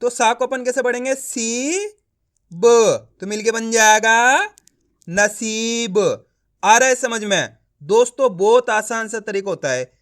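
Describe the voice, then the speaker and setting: A man's voice: very high-pitched, a little slow, a bit bright. A man teaching a reading lesson, patiently sounding out syllables one by one and often checking that the listener understands. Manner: coaxing, often asking the viewer if they understand. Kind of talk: spoken lesson.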